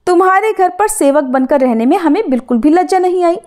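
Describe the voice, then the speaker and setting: A woman voicing gentle lord Thakur ji. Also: extremely high pitch, animated, a little fast. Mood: tender. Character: divine lord Thakur ji, gentle loving male god.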